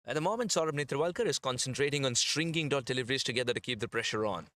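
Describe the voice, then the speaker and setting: A man calling a cricket match live, breaking down tactics and bowling in long, analytical explanations. His voice is bright and forceful, recorded close and dry with no room sound. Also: mid-range voice, expressive, racing, dry recording. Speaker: cricket commentator.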